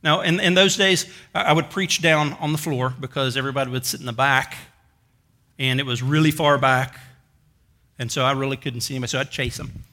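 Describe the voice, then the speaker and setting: A pastor preaching a sermon in a conversational storytelling way, with light self-mocking humor and slow emphasis on key words. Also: male voice, mid-range voice, steady tone, pushed and bright.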